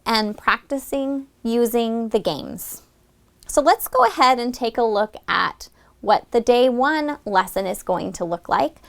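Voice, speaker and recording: A woman teacher explaining a phonics lesson plan and then modeling it, drawing out the vowel sounds slowly and deliberately for students. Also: mid-range voice, gravelly.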